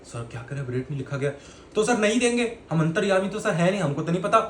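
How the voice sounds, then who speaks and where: Guy doing a nagging teen student voice, a bit higher pitched, echoey room. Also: sing-song, quick pace, a bit bright, a little hiss or hum. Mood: pleading. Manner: pleading, questioning, addresses teacher as sir. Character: curious, complaining teenage student questioning the teacher.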